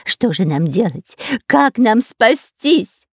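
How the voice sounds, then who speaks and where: A woman's voice: on the high side, sing-song, moderate pace, no echo, studio quality, pitched above the performer's own voice. A woman voicing a cowardly, long-nosed male spy in an audiobook, who stutters and whimpers with fear. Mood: panicked. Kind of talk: audiobook character voice.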